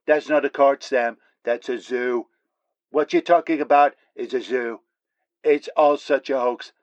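A man's voice: mid-range voice, a little slow, dry recording, dull audio, natural voice. An actor playing a ranting, conspiratorial male political pundit who blusters and heckles the anchor over a remote link. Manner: blustering, heckling, repeats the host's name.

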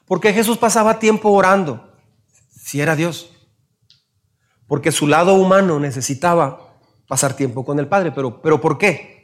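A man with a Mexican Spanish accent preaching a sermon, asking his listeners questions and acting out little scenes in raised voices. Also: fairly high pitch. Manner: asks the audience questions. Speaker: pastor.

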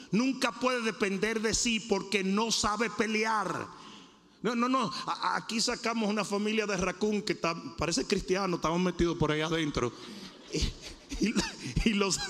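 A male pastor giving an animated sermon to his congregation, with jokes and asides. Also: sits high. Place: church sanctuary. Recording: hall reverb, gravelly voice.

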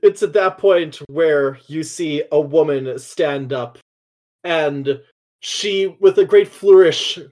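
A man's voice: on the high side, slow pace, darkish tone. A man playing a tabletop game, describing his character in a theatrical way. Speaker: player. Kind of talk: casual tabletop role-play.

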